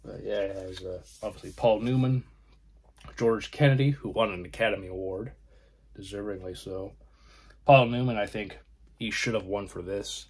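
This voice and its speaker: A man hosting his own film channel, casually showing his disc collection in halting, rambling talk with frequent pauses. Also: on the low side, slightly rough. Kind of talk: casual video collection review.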